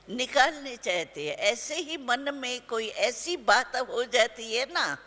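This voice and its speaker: An older woman teaching a spiritual class, telling a story gently and slowly with homely everyday examples. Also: fairly high pitch. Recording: long hall reverb.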